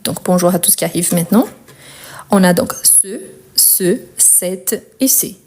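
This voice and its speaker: A woman teaching a French grammar lesson, speaking slowly and repeating each word carefully for learners. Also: on the low side, a little mellow. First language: Portuguese. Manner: slow, deliberate, repeats words for learners.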